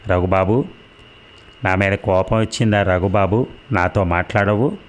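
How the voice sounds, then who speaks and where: A man voicing a shy young village girl in a storybook reading, using a soft, raised childlike voice. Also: sits low, fairly even intonation, a little slow. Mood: bashful.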